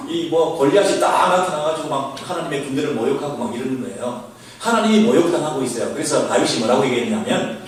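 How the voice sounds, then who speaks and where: A male pastor giving a sermon, telling the story in a lively way and asking the congregation rhetorical questions. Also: medium pitch. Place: church sanctuary. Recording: very echoey church from a distance, faint hiss.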